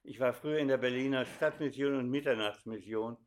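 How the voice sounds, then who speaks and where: An older man preaches a sermon, telling stories in an animated way and addressing his listeners directly. His voice is mid-range and fairly quick.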